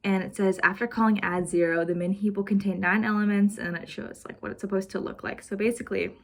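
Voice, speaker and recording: A woman's voice: medium pitch, steady tone, fast, gravelly. A young woman talks through her homework answers in a loose, rambling way, leaning on "basically" and "like". She sounds a little out of breath as she explains each step. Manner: rambling, heavy use of "basically" and "like". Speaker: student. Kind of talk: casual recorded homework walkthrough.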